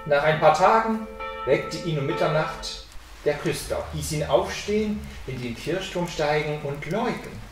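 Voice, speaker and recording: A woman's voice: low-pitched, animated, unhurried, music in the background. A woman reading a fairy tale aloud expressively at a library. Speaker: reader. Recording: echoey room from far off.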